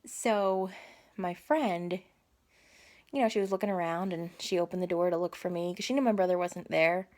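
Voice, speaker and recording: A woman's voice: lowish voice, moderate pace, a little mellow. A woman telling a casual storytime vlog into a phone camera, rambling and correcting herself as she goes. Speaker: vlogger.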